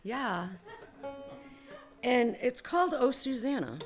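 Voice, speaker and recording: A woman's voice: on the high side, lively intonation, slow, faint music behind. A woman musician talking casually to a live audience from a stage, chatty and explanatory, with many filler phrases. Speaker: singer and musician hosting a live show. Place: barn music venue before a live audience.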